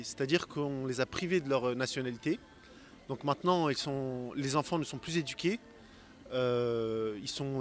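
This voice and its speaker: A young man doing a street interview outdoors on a city square with a handheld mic, explaining in an earnest way. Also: mid-range voice.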